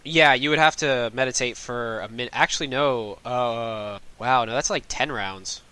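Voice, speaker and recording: A man's voice: medium pitch, a little slow, bright, forceful tone, clear, resonant tone. A man narrating as game master of a tabletop game, casual, often laughing and correcting himself mid-sentence.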